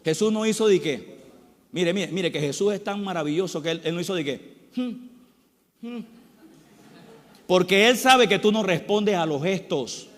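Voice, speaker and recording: A man's voice: high-pitched, measured pace, long pauses. A man preaching a sermon in a church, repeating his phrases and putting questions to the congregation. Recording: reverberant hall with faint music.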